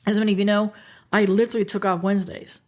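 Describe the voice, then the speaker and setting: A woman's voice: mid-range voice, level tone, fast. A woman in her sixties hosting a podcast, speaking earnestly to listeners as her friends and repeating key phrases in a motivational monologue. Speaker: podcast host.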